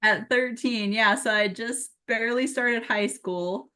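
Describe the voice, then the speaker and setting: Relaxed, laughing woman guest from Utah. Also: on the high side, unhurried. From Utah, USA. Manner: relaxed, laughing, filler-heavy. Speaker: guest, psychic medium. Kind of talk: casual interview chat.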